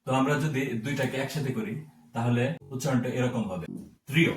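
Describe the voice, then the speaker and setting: A man giving a slow, careful pronunciation lesson, spelling words out sound by sound. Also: mid-range voice, echoey room, far from the mic, slight background noise. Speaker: teacher.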